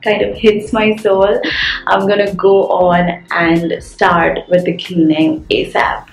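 A woman's voice: medium pitch, flat delivery, takes it slowly, creaky, soft background music. A young woman vlogging casually from her bedroom, groggy from just waking up and rambling with fillers. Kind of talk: casual chat. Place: bedroom at home.

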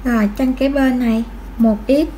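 A woman's voice: high-pitched, steady tone, moderate pace, dark tone, slight background noise. A woman giving patient step-by-step crochet instruction, counting stitches aloud. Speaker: crochet tutorial host.

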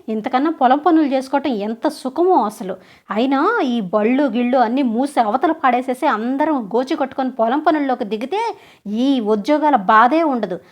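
A woman voicing an angry, unemployed young husband who scolds harshly in a told story. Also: high-pitched. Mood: grumbling. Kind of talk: storytelling with acted dialogue.

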